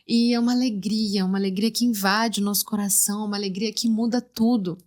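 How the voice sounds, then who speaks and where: A woman's voice: mid-range voice, steady tone, fairly quick, darkish tone. Earnest woman giving devotional teaching. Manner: earnest, repeats phrases for emphasis. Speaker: podcast host.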